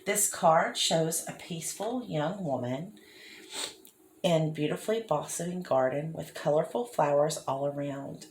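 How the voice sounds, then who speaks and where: A woman's voice: low voice, a little mellow, a little hiss or hum. A woman giving a casual tarot reading, chatty and often checking in with the listener. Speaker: tarot reader. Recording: echoey room.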